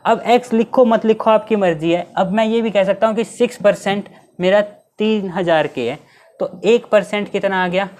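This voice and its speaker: A man's voice: high voice, darkish tone. Guy teaching exam math, asks the class questions as he goes, mixes in english terms. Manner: explains step by step, asking students rhetorical questions; reads English questions slowly, mixing Hindi and English. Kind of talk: exam-prep math lesson.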